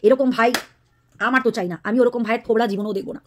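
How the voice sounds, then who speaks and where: Woman, vlogger, scolding rant, rapid-fire delivery, high voice. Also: steady tone, a little hiss or hum. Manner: scolding, mocking, insulting a rival. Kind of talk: angry direct-to-camera rant.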